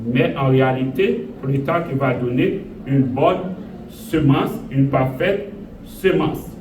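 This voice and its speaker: Pastor, man from Haiti, slow repetitive preaching, echoey and off-mic. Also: mid-range voice, a little mellow. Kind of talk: sermon. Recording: echoey room, voice from a distance, audible noise.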